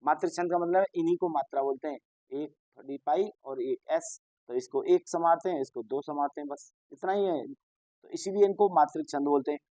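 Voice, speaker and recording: A man's voice: on the high side, moderate pace, warm tone, no echo. Patient male teacher, dry close sound. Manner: patient, repeats reminders, asks and answers own questions. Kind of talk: Hindi exam-prep lesson.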